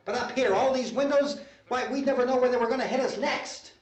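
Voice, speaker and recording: A man's voice: extremely high pitch, brisk. An actor playing a stubborn, frightened, abrasive middle-aged family man arguing insistently in a 1960s horror film. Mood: agitated pleading. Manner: argumentative, insistent, agitated. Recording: echoey old film sound, distant mic.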